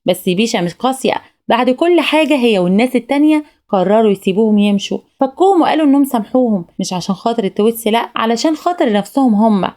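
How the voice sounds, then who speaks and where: A woman with an Egyptian Arabic accent retells an animated film's plot in a brisk, even narrating voice. She races through the story at a very fast clip, her voice pitched a little high. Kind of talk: animated film recap narration.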